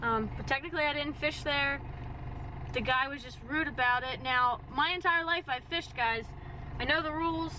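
Young woman with a high voice ranting in her car, lots of road noise behind her. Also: sharp tone. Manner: exasperated, ranting, chatty. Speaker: fishing vlogger. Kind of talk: casual vlog rant. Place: inside a parked or driving car. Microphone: camera mounted or handheld in car. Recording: noisy car and street ambience.

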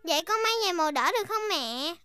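A performer voicing a cheerful, bossy, chatty little girl pig with a squeaky childlike voice in a dubbed preschool cartoon. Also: expressive, fast, bright, forceful tone, no room sound, full character voice. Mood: eager. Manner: exclaiming, giggly, sing-song.

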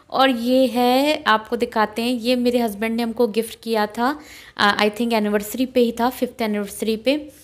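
A young woman with a slightly high voice talks in a relaxed, homely way. She walks through her small home, filming on a handheld phone. Her tone stays casual and conversational throughout. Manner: chatty, homely, walking while filming. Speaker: home vlogger. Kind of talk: casual house tour narration. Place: small rented flat, indoors and on balcony. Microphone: phone camera held while walking.

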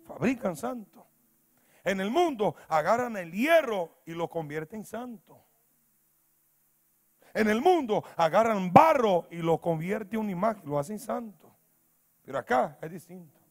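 A man preaching a sermon as pastor, telling a story and building to loud shouted climaxes. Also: high voice. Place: church.

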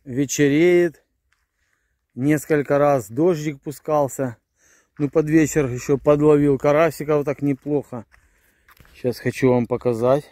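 Out by a river, a middle-aged man narrates his fishing trip in a chatty, stumbling way, often muttering to himself. He speaks a bit slowly in a slightly high, steady, dark voice, captured on a phone at arm's length yet sounding studio-clean with no room sound.

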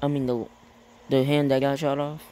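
A man's voice: mid-range voice, level tone, moderate pace. A young man lying on his bed, reacting to a video in a casual, slangy, exclaiming way. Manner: slangy, exclaiming, laughing often. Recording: loud background noise.

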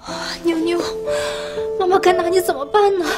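A woman's voice: very high-pitched, flat delivery, normal speed. An actress playing an anxious, tender young mother in a TV drama. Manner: anxious, soothing. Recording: with music score.

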